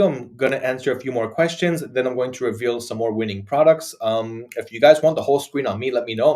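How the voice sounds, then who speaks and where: A man's voice: medium pitch, darkish tone. A man in his thirties hosting a casual live stream, answering viewer questions with many fillers and restarts. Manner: chatty, frequent "uh" fillers and restarts. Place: small dark room, indoors.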